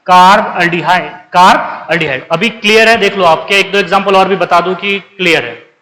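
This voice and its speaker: Guy teaching chemistry live, keeps asking did u get it, sharp bright voice, echoey room. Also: sits high, normal speed. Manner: keeps checking if students understood; calls students 'beta', coaxing. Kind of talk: live online class lecture.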